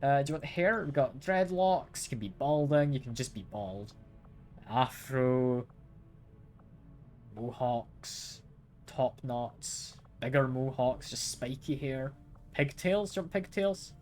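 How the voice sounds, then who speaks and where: A man's voice: mid-range voice, slow, darkish tone, soft background music. A man streaming a game live, chatting casually, asking his viewers questions and chuckling often. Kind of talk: casual live gameplay chat.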